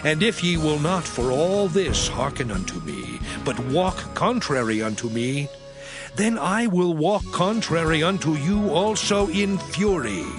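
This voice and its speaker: A solemn, wrathful God, higher-pitched. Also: male voice, big pitch swings, music in the background. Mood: stern, wrathful. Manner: solemn, declamatory, measured. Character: God of the Old Testament, wrathful, solemn lawgiver. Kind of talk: dramatized scripture reading.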